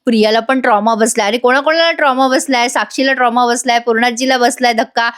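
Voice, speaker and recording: A woman's voice: a little high, fairly even intonation, quick pace, fairly bright tone. A woman narrating a casual recap as a voice-over reviewer, chatty and full of asides. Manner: chatty, aside-filled storytelling.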